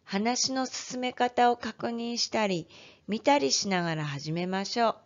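A woman teacher giving an online lesson to first graders, speaking gently and clearly to young children. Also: on the high side, a little slow, highs cut off. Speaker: elementary school teacher.

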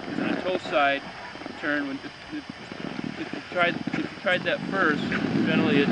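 A man teaching snowboarding outdoors on a snowy hill, giving encouraging step-by-step directions. His voice sits a little high. Strong wind roars over the mic. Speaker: snowboard instructor. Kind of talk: outdoor instruction and interview. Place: outdoors on a snowy ski slope. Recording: loud wind noise outdoors.

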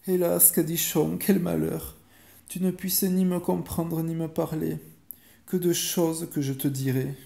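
A man voicing a timid, tender-hearted little girl with a soft, pleading voice, in a bedtime story reading. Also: high voice, a little slow, voice pushed up. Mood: tearful, tender.

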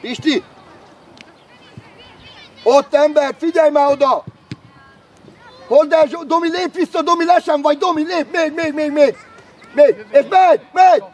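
A man coaching youth football from the sideline, shouting short urgent instructions and player names outdoors. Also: extremely high pitch, long pauses. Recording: crowd noise from an outdoor match.

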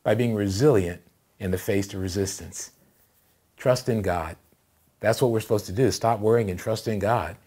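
A male pastor preaching a sermon, telling a story with animated, emphatic delivery that builds to loud passages. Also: fairly low pitch, moderate pace, husky. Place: church livestream.

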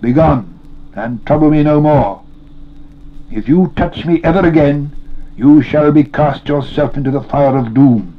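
A man's voice: medium pitch, unhurried. A man voicing a stern, resolute male hero in an audiobook, solemn and commanding in archaic speech. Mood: stern threat. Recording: dull lo-fi audio, clear noise.

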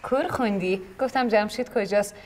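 An actress playing a brash, bossy wealthy wife who talks rudely and commands everyone in a TV comedy. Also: female voice, heavy background noise, lightly acted. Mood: indignant. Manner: shrill, rude and commanding, with sudden laughs. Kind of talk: TV comedy acting.

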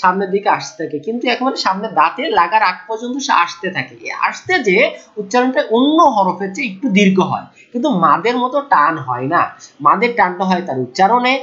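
A man from Bangladesh teaching Quran pronunciation in an online tajweed lesson, who patiently repeats sounds slowly and keeps saying "okay". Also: high voice, big pitch swings, sharp tone, muffled recording.

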